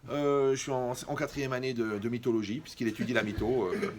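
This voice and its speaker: A man's voice: medium pitch, steady tone, brisk, slight background noise. A man performing a stand-up comedy monologue, acting out dialogues with mocking asides.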